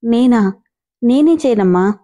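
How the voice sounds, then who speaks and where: A woman's voice: on the high side, animated, measured pace, mellow. Woman reading as a timid tearful young wife. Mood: anxious.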